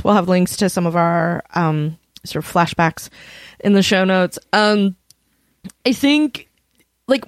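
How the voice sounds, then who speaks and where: A woman's voice: medium pitch, no echo. A woman hosting a podcast in a chatty casual talk, with lots of fillers. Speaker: podcast host. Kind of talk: casual chat.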